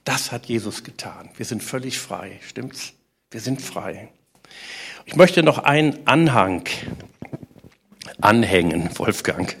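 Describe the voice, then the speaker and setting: Male preacher, husky and gravelly, lively sermon delivery with questions to the room. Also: on the low side, slow, long pauses. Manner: animated preaching with rhetorical questions to the congregation.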